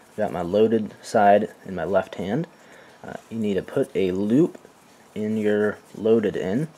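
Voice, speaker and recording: Indoors, with the camera on his hands above a carpeted floor, a deep-voiced man walks through tying knots one step at a time. His delivery is slow, relaxed and unhurried, sprinkled with gentle fillers.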